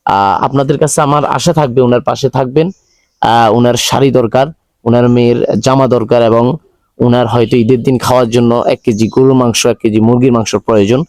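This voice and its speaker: A man with a Bangladeshi accent hosting a charity video, speaking in a halting, repetitive, pleading way to viewers. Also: mid-range voice, steady tone, darkish tone, no room sound. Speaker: charity video host appealing for donations. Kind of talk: earnest spoken appeal to viewers, interviewing.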